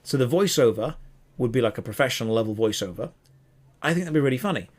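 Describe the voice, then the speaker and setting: A man's voice: medium pitch, animated, fast talker, breathy edge. Man, podcast co-host, casual chat, enthusiastic, rambling.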